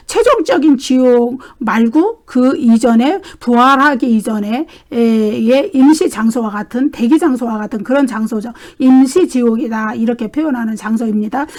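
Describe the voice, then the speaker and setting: A woman delivers a Bible study lecture in a somewhat high voice. She explains point by point and often adds a questioning "eh?" to keep listeners with her. When she reads scripture, her delivery becomes more measured. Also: darkish tone. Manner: explanatory, with frequent questioning "eh?" tags and restarts.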